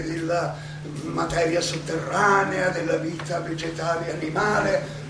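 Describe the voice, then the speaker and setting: Wry Socrates, echoey and halting. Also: male voice, high-pitched. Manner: halting, hesitant, ironic, with repetitions and chuckles. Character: Socrates, wry old Athenian philosopher defending himself in court. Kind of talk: theatrical stage monologue, conversational oratory. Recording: distant echoey stage recording, noisy background.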